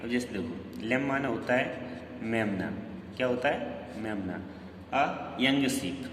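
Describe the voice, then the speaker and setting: A man with a Hindi accent teaches pronunciation at a middle pitch, asking questions and answering them himself as he drills each word. His corrections come out stressed and insistent. The room rings with a long, echoey reverb and a faint hiss underneath. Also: expressive, slow. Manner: repetitive, quizzing the viewers with questions and answers. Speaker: English teacher. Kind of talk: screen-based grammar lesson.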